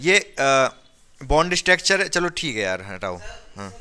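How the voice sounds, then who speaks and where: A science teacher with a medium-pitched, sharp voice and big pitch swings teaches a chemistry lesson a little slowly, with faint music behind him. He talks students through each step, questioning them and constantly drilling with repeated checks that they follow.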